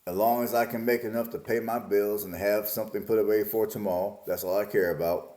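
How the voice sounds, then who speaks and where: Here an Alabama man in his forties muses about his life in a plain-spoken, casual vlog. His warm, steady voice is on the low side and a little fast, with an echoey room around him.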